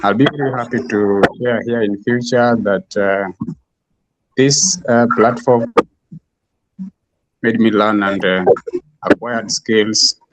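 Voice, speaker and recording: A man from Kenya with a low voice introduces himself on a video call. He speaks haltingly, pausing often and filling gaps with "uh". His tone is earnest and searching. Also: steady tone, noisy background. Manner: hesitant, many pauses and fillers. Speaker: class participant.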